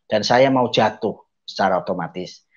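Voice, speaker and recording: A man's voice: on the low side, normal speed, a little mellow. Man giving an earnest spoken testimony. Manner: earnest storytelling, often addressing listeners as brothers and sisters; hesitant fillers mid-sentence. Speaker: testimony speaker. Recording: dull, muffled lo-fi audio.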